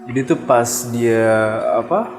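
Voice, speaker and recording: A man hosts a loose chat and keeps prompting his guest, often with a laugh. His voice rings in a roomy space with a long reverb tail, over loud background music. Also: medium pitch, animated, measured pace. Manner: chatty, prompting, laughs easily. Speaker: podcast host. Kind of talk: casual chat.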